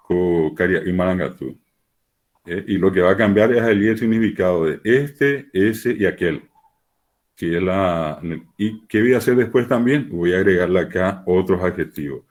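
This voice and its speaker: A man with a low voice gives a lecture, walking through examples patiently and repeating them so learners can follow. He sounds like he is speaking over a video call. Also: darkish tone. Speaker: teacher.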